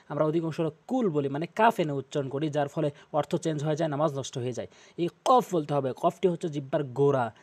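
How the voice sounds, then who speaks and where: A man teaching Quran recitation, repeating each Arabic letter slowly to show how it is said. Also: fairly high pitch, darkish tone. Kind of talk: tutorial on pronouncing Arabic letters.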